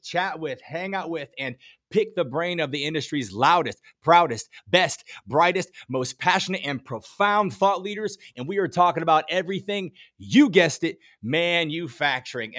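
A man hosting a live video podcast, hyped and slangy in his delivery. His voice sits a little high for a man, and his energy stays upbeat. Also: a bit bright. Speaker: podcast host.

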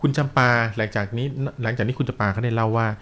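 Give me a man telling a ghost story at a brisk, rapid clip, with a mid-range voice. He keeps it lively and polite, dropping in courteous particles as he goes. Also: mid-range voice, a little hiss or hum.

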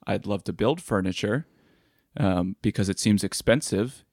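A man's voice: fairly low pitch, moderate pace, a little mellow, dry recording. A man who is a woodworker, a guest on a podcast, telling stories with dry, wry humor. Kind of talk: casual interview chat.

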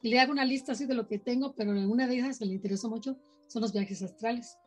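A woman's voice: fairly high pitch, rapid-fire, darkish tone, soft background music. A woman with a Mexican accent telling a personal story in casual chat, animatedly acting out the voices of people she quotes. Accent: Mexican Spanish. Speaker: podcast guest sharing paranormal experiences.

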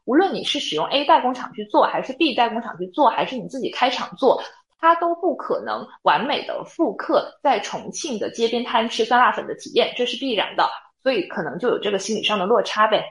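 Woman, podcast co-host, lively pitch, methodical explainer, roomy echo. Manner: measured, explains point by point. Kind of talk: casual analytical chat.

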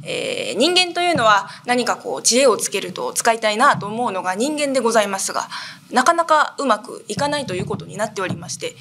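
A young woman, an amateur rakugo performer, opening her tale with a formal, measured storyteller's introduction. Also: a little high, big pitch swings, creaky, sharp tone, slight background noise. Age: young adult. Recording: radio broadcast.

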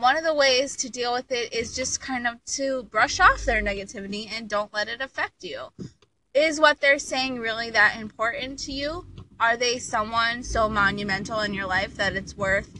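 A woman's voice: on the high side, noisy background. A woman vlogger giving earnest, casual motivational advice from inside a car, loose with fillers.

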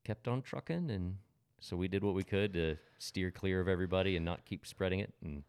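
A man's voice: low-pitched, fairly quick, darkish tone, smooth. A man hosting a casual podcast chat through a face mask that slightly muffles him, joking at his own expense while tired from recovering from covid. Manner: self-deprecating, joking. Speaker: podcast host.

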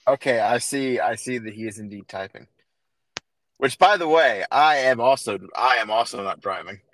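A man's voice: medium pitch, animated, moderate pace, a bit bright, no room sound, low-quality recording. A man in his thirties hosting a casual podcast, telling a long story with restarts and fillers. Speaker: podcast host. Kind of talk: casual chat.

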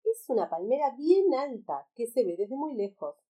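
A woman's voice: very animated, moderate pace, warm tone. Woman doing a tearful little lost ant. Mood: explaining. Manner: wailing, crying high voice. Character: small lost female ant, tearful and whiny.

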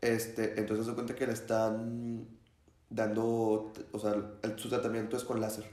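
With a lowish voice and a somewhat slow pace, a young male student chats casually and tells an animated story, acting out the shouts and quoted lines. The room is echoey.

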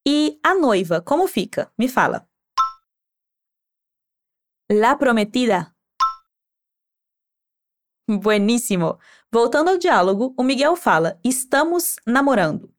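A woman teaching a language lesson, patiently modeling words slowly and asking the listener to repeat after her. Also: a little high, very animated. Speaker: Spanish teacher.

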